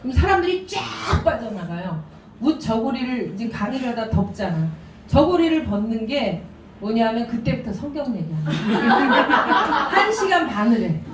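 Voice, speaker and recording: A woman giving a business seminar talk, telling stories in an animated way with laughing asides. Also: a little high, normal speed, a little hiss or hum. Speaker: seminar speaker. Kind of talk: business presentation. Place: seminar room. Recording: echoey room, distant mic.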